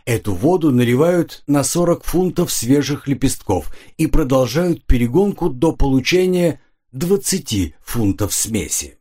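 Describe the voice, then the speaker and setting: A man voicing a calm, serious middle-aged engineer in an audiobook, explaining matter-of-factly. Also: medium pitch, a little slow, slightly rough.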